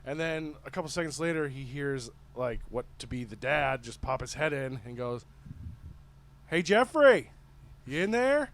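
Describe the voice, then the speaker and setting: A man's voice: medium pitch, steady tone, moderate pace, hardly any pauses, fairly bright tone. A man co-hosting a podcast, telling rambling stories in casual chat, laughing often and swearing freely. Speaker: podcast co-host.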